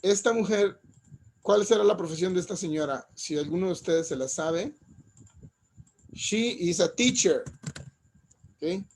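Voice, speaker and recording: A man teaching an English lesson, saying each phrase in English and then in Spanish, and slowing down to model pronunciation. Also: high-pitched, animated. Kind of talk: bilingual classroom lesson.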